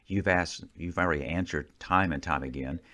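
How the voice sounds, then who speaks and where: Very deep-voiced male podcast host. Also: pushed and bright. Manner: measured, deliberate phrasing. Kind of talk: interview questions.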